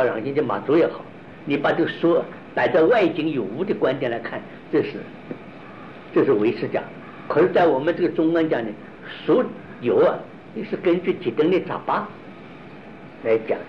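A man gives a Buddhist doctrinal lecture, talking in a halting way, restarting phrases and asking his listeners rhetorical questions. His voice sits somewhat high for a man. The recording sounds dull and lo-fi, with a faint hiss of noise underneath. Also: lively intonation. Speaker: Buddhist philosophy teacher.

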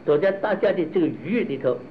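A man teaching Buddhist philosophy in a slow, halting lecture, often repeating and restarting his phrases and asking rhetorical questions. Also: fairly high pitch, animated, muffled recording, slight background noise.

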